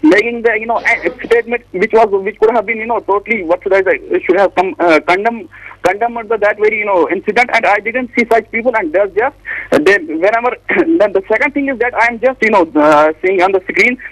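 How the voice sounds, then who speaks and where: Fast, high-pitched Kashmiri man on a phone. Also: fairly bright tone, no room sound. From Kashmir, India. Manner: argumentative, repeatedly says "you know". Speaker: phone-in caller. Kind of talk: live call-in opinion. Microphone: telephone. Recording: phone line on broadcast.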